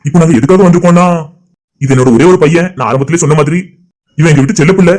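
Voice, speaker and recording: A man's voice: fairly high pitch, rapid-fire, a little mellow, natural voice. A man voicing a proud, middle-aged father who talks formally and boasts about his businesses.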